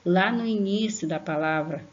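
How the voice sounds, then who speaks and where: Teaching grammar online to young children, a Brazilian primary school teacher uses a fairly low-pitched voice. She is affectionate, slowly and emphatically spells out syllables, and tags her sentences with a questioning "tá?", heard on a lo-fi class recording.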